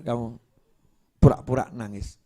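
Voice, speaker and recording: A male preacher delivers a lively, jokey sermon. His voice sits at an ordinary middle pitch and swings from hushed asides to loud, excited bursts. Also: normal speed.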